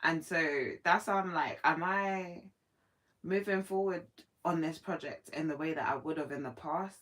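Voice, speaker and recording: A woman's voice: low voice, moderate pace, fairly bright tone, rough recording. A woman in her morning voice, hosting a casual spiritual live stream and talking reflectively to her viewers. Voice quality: sleepy morning voice. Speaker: livestream host.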